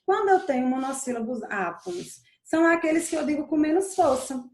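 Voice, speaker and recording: A woman giving a recorded grammar lesson, drawing out stressed syllables and repeating them slowly for emphasis. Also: high voice, expressive, a little mellow, reverberant. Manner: stretches stressed syllables, slow emphatic repetition. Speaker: teacher.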